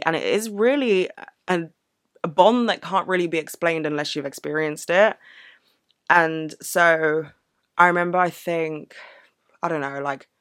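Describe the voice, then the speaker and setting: A woman's voice: sits low, fairly bright tone, smooth, no echo, clean studio sound. A woman vlogger telling a personal story in a candid, earnest, casual way. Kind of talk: casual reflective Q&A vlog.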